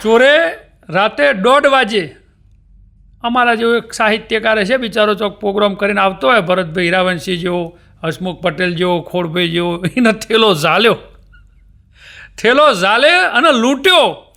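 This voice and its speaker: A man's voice: high-pitched, normal speed, creaky, sharp tone. A man with a North Gujarat Gujarati accent doing live stand-up, telling jokes and acting out the people in them. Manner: storytelling, acting out wives, maids and bosses in his own voice. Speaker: stand-up comedian.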